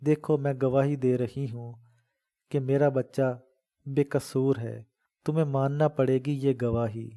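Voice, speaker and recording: A man's voice: medium pitch, fairly even intonation, mellow, natural voice. A man voicing a fierce, protective old village mother in a dramatic audiobook reading, talking fervently and scolding. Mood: fierce defiance.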